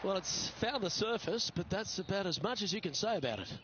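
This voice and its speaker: A man doing play-by-play golf commentary in measured, clipped phrases. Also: high voice, lively intonation, muffled recording, a crowd in the background, background noise. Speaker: lead golf commentator in a video game.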